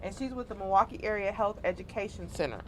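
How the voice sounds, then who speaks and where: A woman's voice: mid-range voice, quick pace, a little hiss or hum, low-quality recording. A woman hosting a community radio show, interviewing her guests in an informal, conversational way.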